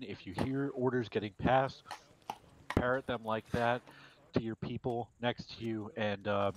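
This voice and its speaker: A man leading a military sim game unit, calmly passing notes to his players over a radio with clicks and static bursts, repeating key points. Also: fairly low pitch. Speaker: milsim unit leader giving notes.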